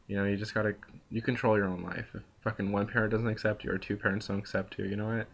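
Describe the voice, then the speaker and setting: A man's voice: on the low side, flat delivery, fast, gravelly, a little hiss or hum. A young man talking casually and candidly to the camera in a vlog. He rambles with lots of "like" and "you know," and he is earnest and sometimes blunt and profane. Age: young adult. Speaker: vlogger. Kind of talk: casual confessional monologue.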